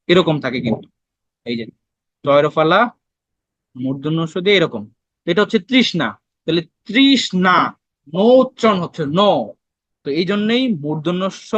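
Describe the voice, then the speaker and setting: This young man from Bangladesh runs an exam-prep lesson in a chatty, questioning way. He has a high voice, and the recording sounds dry and slightly muffled. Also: fairly bright tone, no room sound. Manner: conversational, asks students questions then answers them, mixes in English words. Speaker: admission test tutor. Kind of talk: online lesson explaining spelling.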